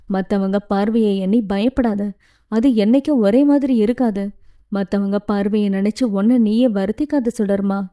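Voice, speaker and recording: A gentle, tearful mother comforts her daughter in a soft, soothing voice, as a woman narrator reads her part. The tone is mellow and warm. The pace is calm and even. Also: mid-range voice, normal speed, lightly acted.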